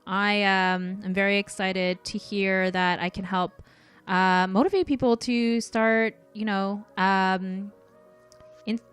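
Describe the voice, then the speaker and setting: Soft-spoken young woman chatting while drawing. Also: medium pitch, clean tone. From Canada. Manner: soft-spoken, many ums, light laughs, brightens when thanking viewers. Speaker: art livestreamer. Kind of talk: casual chat while drawing, reading viewer comments.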